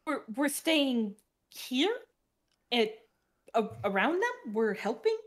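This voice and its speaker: A woman's voice: fairly high pitch, big pitch swings, takes it slowly. A woman playing a tabletop game, hesitant and questioning as she speaks. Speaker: player. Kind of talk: tabletop role-play.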